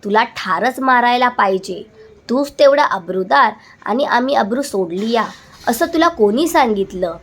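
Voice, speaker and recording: Storybook outlaw, male, commanding and stern, played by a woman narrator; slightly raised pitch. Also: expressive, normal speed. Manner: stern, barking orders.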